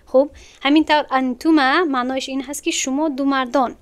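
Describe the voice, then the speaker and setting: A woman with a Tajik-accented Persian teaching an Arabic grammar lesson online, explaining patiently step by step and repeating words slowly. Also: high-pitched, fairly even intonation.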